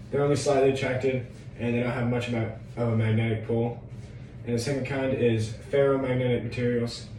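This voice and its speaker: A man's voice: mid-range voice, dark tone. A man presenting an explanatory segment of a science show. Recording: very echoey room, distant mic, faint noise.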